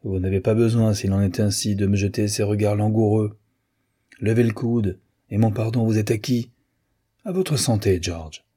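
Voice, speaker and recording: A man's voice: fairly low pitch, steady tone, moderate pace, warm tone, husky. A man voicing a hot-tempered older navy admiral in an audiobook, blustering and scolding. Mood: jovial. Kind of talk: audiobook character reading.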